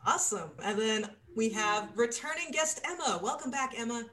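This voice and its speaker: A woman's voice: on the high side, expressive, moderate pace, pushed and bright. A woman hosting a rewatch podcast, upbeat and welcoming as she introduces her guests. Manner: upbeat, welcoming, laughs often. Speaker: podcast host. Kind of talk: casual podcast chat.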